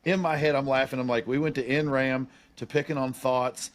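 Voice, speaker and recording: A man's voice: medium pitch, steady tone, fairly quick. Laughing man joking among friends. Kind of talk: casual chat.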